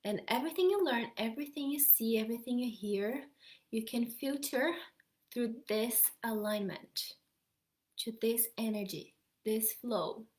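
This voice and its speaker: A young adult woman, an energy healer, softly leading a guided meditation in a slow, half-whispered voice. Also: on the high side.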